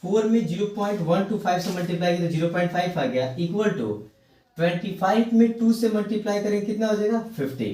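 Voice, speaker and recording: A man's voice: sits high, darkish tone. A man teaching a math lesson in speech, reassuring his students and working each sum aloud step by step. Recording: very echoey room, far from mic.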